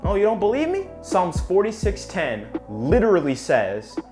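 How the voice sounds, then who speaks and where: A man's voice: high-pitched, moderate pace, over music. Chatty young man giving a youth sermon. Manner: chatty and animated, with slang and self-deprecating asides. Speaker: youth pastor.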